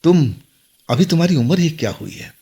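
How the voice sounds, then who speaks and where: A man voicing a young female ghost girl who keeps pleading and warning, in a husky voice lifted higher than his own. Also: lively intonation, brisk, mellow, exaggerated voice. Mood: urgent pleading.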